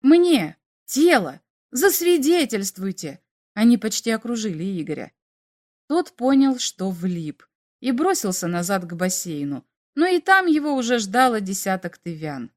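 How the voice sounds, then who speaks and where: Lively woman reading a story aloud. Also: medium pitch, moderate pace. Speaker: narrator. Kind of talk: expressive storytelling.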